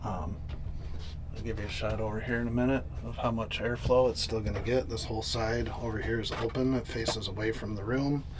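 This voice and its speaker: A man's voice: fairly low pitch, fairly even intonation, fairly quick. A man doing casual hands-on DIY narration inside a small trailer, thinking aloud informally as he works. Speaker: DIY vlogger. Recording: noisy, vehicle-like hum behind voice.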